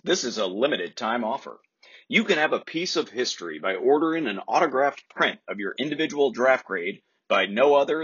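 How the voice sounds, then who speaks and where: A man reading a scripted parody sponsor ad in a salesman pitch delivery. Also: fairly bright tone, husky, no echo, highs cut off. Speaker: mock sponsor ad reader.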